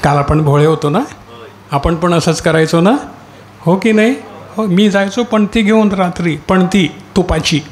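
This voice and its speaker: A man's voice: high voice, measured pace, a little hiss or hum. A man preaching a sermon as pastor in a church hall, putting rhetorical questions to the congregation and calling out hallelujah.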